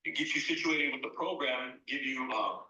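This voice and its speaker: Male co-host from Afghanistan, eager recruiter, sharp tone, roomy echo. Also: mid-range voice, moderate pace. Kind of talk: casual livestream chat. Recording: echoey room, off-mic.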